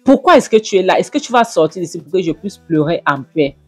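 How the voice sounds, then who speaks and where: A woman's voice: on the low side, big pitch swings, a little fast, darkish tone, husky, dry recording, faint music behind, pitched above the performer's own voice. Woman putting on a weary pleading young mother, dry close voice. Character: grieving young mother pleading to be left alone.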